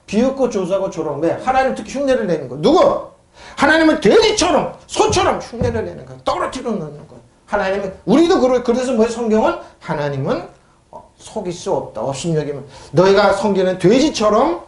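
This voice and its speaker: A man's voice: high-pitched, darkish tone, echoey room. A male pastor preaching a sermon who keeps asking his congregation questions and answering them himself. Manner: mocks scoffers in a raised voice. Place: church sanctuary.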